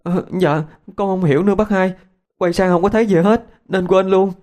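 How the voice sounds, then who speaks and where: A man voicing a lively young village girl who teases and scolds her friend. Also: medium pitch, pitched above the performer's own voice, close to an everyday voice. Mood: tearful. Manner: teasing, quick, scolding.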